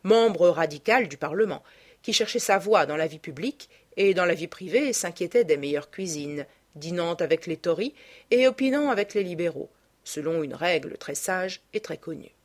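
Animated woman reading a classic novel. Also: lowish voice, moderate pace. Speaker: audiobook narrator. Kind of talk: audiobook narration of a classic novel.

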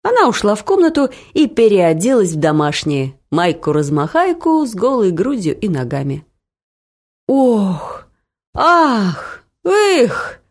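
Animated woman reading a comic story. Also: mid-range voice, normal speed, few pauses. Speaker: audiobook reader. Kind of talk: storytelling narration.

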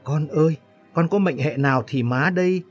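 A man's voice: a little high, normal speed, breathy edge, faint music behind. A man reading a story, voicing an older mother who wails in grief. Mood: wailing. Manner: wailing.

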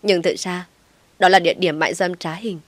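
A woman's voice: on the low side, steady tone, moderate pace, no room sound, lightly acted. A woman voicing a guilt-ridden young woman who pleads through sobs, in a storybook reading. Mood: pleading. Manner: pleading, sobbing.

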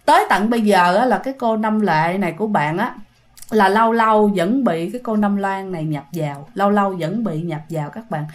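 A woman's voice: mid-range voice, a little fast. A woman with a Southern Vietnamese accent telling a ghost story in a chatty, casual way, addressing her listeners directly.

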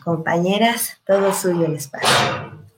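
Running a virtual panel on a video call, a woman greets everyone and reads the introductions in a warm manner full of little fillers. Her voice sits on the low side and she takes her time, though the recording is very noisy.

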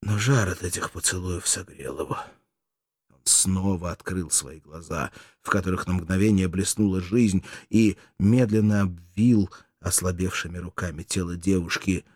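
A man narrating a novel in a slow, solemn and measured dramatic reading. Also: deep voice, husky, dry recording, clean studio sound. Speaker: audiobook narrator.

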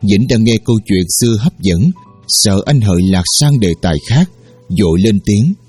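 A man narrating a story in a steady, measured way. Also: on the low side, breathy edge, faint music behind. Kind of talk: scripted narration.

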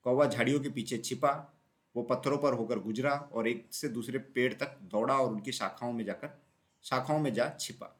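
A man narrating a children's story in Hindi in a steady, clear storytelling voice. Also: medium pitch, moderate pace.

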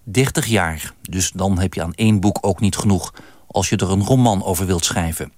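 A man giving measured, scripted narration for a radio documentary. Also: low voice, a little mellow, dry recording.

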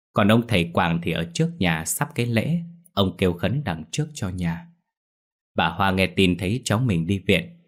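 A man narrating a ghost story in steady scripted storytelling. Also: sits low.

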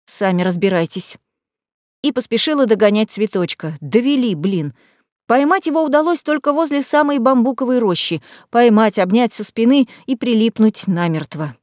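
A woman reading a fantasy novel aloud in first person, lively and expressive. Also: a little high, brisk, hardly any pauses, dry recording, studio quality. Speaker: audiobook narrator. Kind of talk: first-person audiobook narration.

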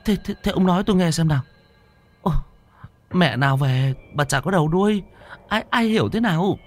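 A man voicing a frightened middle-aged village wife, high and quick in a fussing way. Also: expressive, soft background music. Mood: alarmed.

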